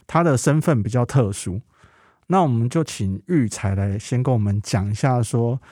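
A man's voice: mid-range voice, dark tone, no echo, clean studio sound. A man with a Taiwanese Mandarin accent hosts a conversational podcast, speaking through a face mask. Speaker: podcast host.

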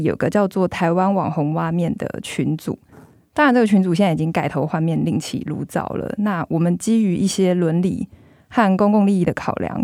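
A magazine journalist with a Taiwanese accent hosts a podcast through a face mask, moving between semi-scripted narration and discussion. Her voice is lowish and warm, and the sound is clean studio audio with no room sound.

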